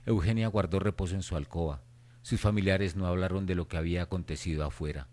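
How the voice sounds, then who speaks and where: Low-voiced man narrating radio horror. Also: fast, dark tone.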